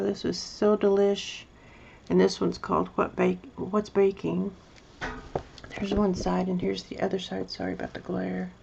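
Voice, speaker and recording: A woman chatting through a paper craft project, her voice gravelly and fairly flat, wandering from one thought to the next. The recording is a little dull, with a faint hiss underneath. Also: medium pitch. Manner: rambling, hesitant, chatty with many restarts. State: mouth full of candy. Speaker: crafting vlogger. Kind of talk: casual show-and-tell craft video.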